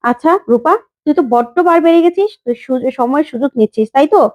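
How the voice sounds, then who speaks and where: A woman voicing an aunt who chides her niece and tries to calm her. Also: sits high, fast, natural voice. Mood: chiding. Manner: chiding, placating.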